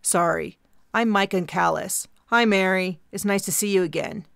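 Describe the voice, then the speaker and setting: A woman voicing a friendly, polite older man with a genial delivery and a gravelly tone. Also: medium pitch, moderate pace, a bit bright, no room sound, clean studio sound.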